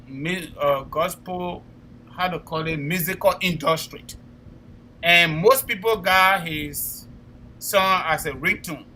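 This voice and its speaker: This co-host of a political talk show has a Liberian accent and a slightly high, bright, forceful voice. He offers impassioned political commentary, speaking with emphasis and rallying listeners with repeated phrases. The recording is low quality, with slight background noise.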